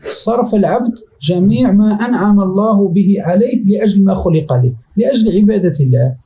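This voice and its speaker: A sheikh teaching a rhetoric text in class, repeating definitions slowly and often asking whether students have understood. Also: male voice, sits high, expressive, warm tone, low-quality recording. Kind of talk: classroom lesson explaining a text.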